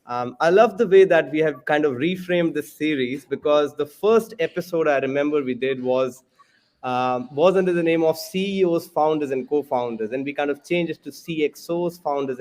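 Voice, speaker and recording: A man's voice: fairly high pitch, a little mellow. A man hosting a podcast interview, leading in with long, meandering introductions. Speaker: podcast host.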